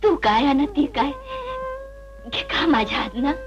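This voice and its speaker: A woman's voice: sits high, measured pace, dull audio. An actress playing a poor village woman who weeps and pleads, in an old film drama. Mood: tender, tearful. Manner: weeping, pleading. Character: poor village woman, tender then fierce. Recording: old film soundtrack with music.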